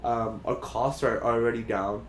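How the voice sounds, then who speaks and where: A man's voice: medium pitch, level tone, normal speed, slight background noise. A man co-hosting a podcast, chatting casually in a rambling way with lots of fillers and restarts. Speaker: podcast co-host. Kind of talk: casual chat. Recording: echoey room.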